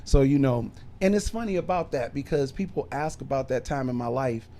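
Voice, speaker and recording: Speaking a little fast, this middle-aged man has a dark-toned, mid-range voice. He is a bishop and minister, born in Chicago and raised in Detroit, relating his life story during an informal podcast interview with many fillers.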